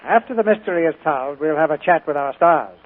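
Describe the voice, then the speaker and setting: A middle-aged radio host with a fairly high, expressive voice interviews a guest on air, scripted, polished, genial, and teasing, at a fairly quick pace. The tinny 1940s broadcast is very noisy, with a loud crowd.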